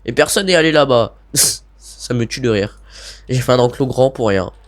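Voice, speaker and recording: A man giving casual, excitable commentary on his own gameplay, pleading with the game and swearing casually. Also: mid-range voice, normal speed.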